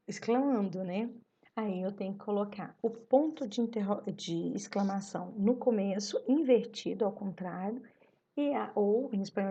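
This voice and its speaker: A woman's voice: mid-range voice, mellow. A Brazilian woman teaching Spanish in an online class, mixing Portuguese and Spanish and acting out example questions. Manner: mixes Portuguese and Spanish, acts out example questions with rising intonation. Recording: dull lo-fi stream audio.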